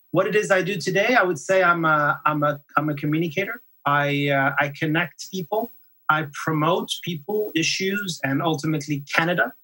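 A French-speaking man appears as a podcast guest, reflecting aloud in a conversational interview and often restarting or repeating words. His voice is a little high, bright and forceful yet husky, captured on a rough recording.

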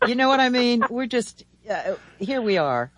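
Woman co-host, quick teasing interjections, with a lively voice. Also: a little high. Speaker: radio co-host. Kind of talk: casual on-air banter.

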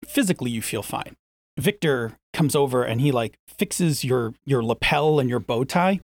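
A man's voice: medium pitch, lively intonation, moderate pace, no room sound, clean studio sound. A man narrating as game master in a casual tabletop play session, talking loosely with lots of fillers. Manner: casual, filler-heavy narration with voiced asides.

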